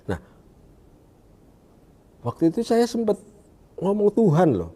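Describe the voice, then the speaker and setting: This Indonesian guest recounts his own experience during a casual interview, his mellow voice pitched a bit high and swinging hugely up and down. He hunts for the right words, restarting haltingly, then lowers himself to a hushed murmur each time he quotes.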